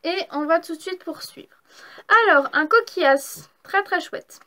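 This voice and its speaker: A woman's voice: very high-pitched, measured pace, pushed and bright. A young woman chatting casually as she opens trading card packs, enthusiastic and gushing over each card. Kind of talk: casual unboxing vlog.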